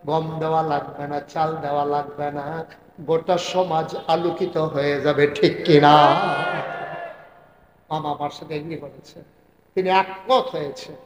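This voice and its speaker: A man preaching a waz sermon to a gathering, swinging from loud, crying appeals down to low storytelling. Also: reverberant, big-room sound, a little hiss or hum.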